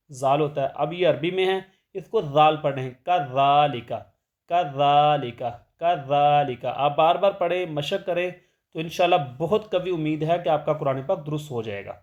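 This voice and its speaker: A man teaching tajweed, explaining rules plainly and then reciting verses in a slow melodic chant. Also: on the high side, darkish tone, dull audio.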